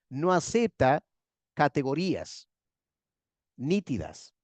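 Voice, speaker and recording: A pastor giving a structured theology lecture, a man who talks in measured steps, repeats key words and checks in with his listeners. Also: fairly high pitch, a little mellow, no echo. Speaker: pastor lecturing a master class.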